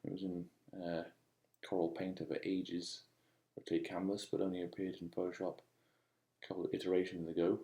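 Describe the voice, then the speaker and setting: A man giving a casual, unscripted voice-over demo as a digital artist, speaking in a halting, musing way. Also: deep voice, completely flat delivery, mellow, roomy sound. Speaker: digital artist demonstrating own work.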